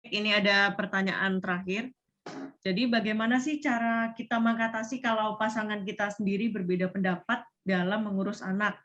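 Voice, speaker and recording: Female webinar host, polite and brief, medium pitch, dull video call sound. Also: fairly even intonation, fairly quick, slight background noise. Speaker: webinar moderator. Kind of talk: reading audience questions.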